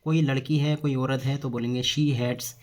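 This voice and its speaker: A man teaching spoken English, slowly repeating each example sentence twice. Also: mid-range voice, fairly even intonation, a little mellow. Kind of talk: spoken English lesson in Hindi.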